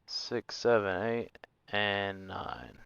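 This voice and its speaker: A man's voice: on the low side, big pitch swings, drawn-out words, gravelly, fairly bright tone, clean tone, no room sound, highs cut off. A man livestreaming a flight simulator, chatting casually and making pilot radio calls.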